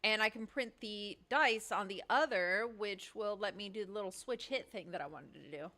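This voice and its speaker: A woman chatting excitedly on a casual livestream, thinking aloud in slangy, chatty bursts. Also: mid-range voice, moderate pace.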